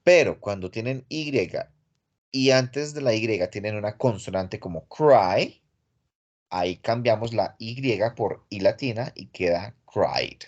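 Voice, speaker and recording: A man's voice: fairly low pitch, slow, muffled recording. A man teaching English grammar in an online class, explaining step by step in a patient, casual way over a computer mic. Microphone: computer mic on a video call.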